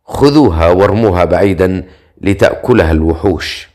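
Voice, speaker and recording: Brief: man playing cold priest, low voice, mocking, detached. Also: brisk, darkish tone, close to an everyday voice. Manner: cold and sneering. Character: cold, mocking male priest who experiments on captives.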